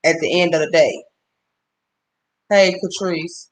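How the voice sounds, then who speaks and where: Heated, high-voiced man ranting on a livestream. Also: fairly even intonation, takes it slowly. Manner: profane, heated, stops to greet viewers. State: upset. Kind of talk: angry livestream rant.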